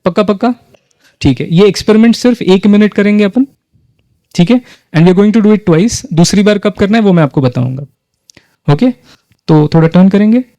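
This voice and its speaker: A man's voice: sits high, normal speed, pauses often, mellow, no room sound. A man facilitating a live workshop, leading a group exercise and often asking the audience questions. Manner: engages the audience with frequent questions, mixes in English phrases.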